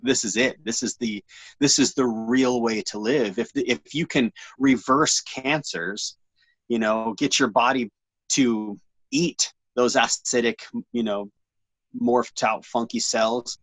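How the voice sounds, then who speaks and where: A man in his forties telling his story as an interview guest, animated and slangy, rambling with lots of restarts. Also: medium pitch, slow pace, no echo. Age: 40s.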